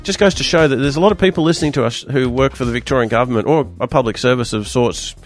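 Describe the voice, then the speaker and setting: Give me a hoarse, croaky Australian man presenting a casual, chatty radio show. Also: medium pitch, fast talker, faint music behind. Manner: chatty, loose, jokey banter.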